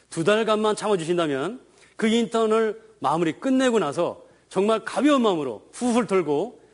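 A middle-aged man giving a lecture on raising children, acting out parents and children and asking the audience questions. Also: on the high side. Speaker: speaker on parenting. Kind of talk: lecture with acted dialogue.

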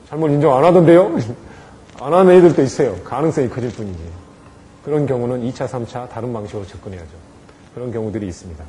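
A man's voice: mid-range voice, darkish tone, slight background noise, poor audio. A middle-aged man lecturing church teachers, plain and direct, acting out firm words to a child. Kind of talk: lecture to Sunday school teachers.

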